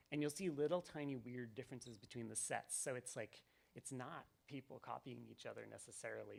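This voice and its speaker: A game developer giving live commentary to an audience, talking in a thoughtful, rambling way with many ums and restarts. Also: male voice, medium pitch, vocal fry. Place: event venue with audience.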